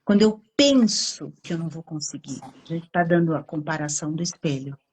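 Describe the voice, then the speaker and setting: A Brazilian woman psychologist explaining on a live stream, acting out inner thoughts with drawn-out, expressive emphasis. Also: low voice, breathy edge. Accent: Brazilian Portuguese.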